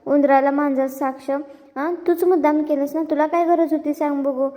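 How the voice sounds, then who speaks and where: A woman voicing a sharp-tongued young wife from a TV serial, speaking in quick scolding retorts. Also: sits high, fairly even intonation, natural voice. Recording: long reverb.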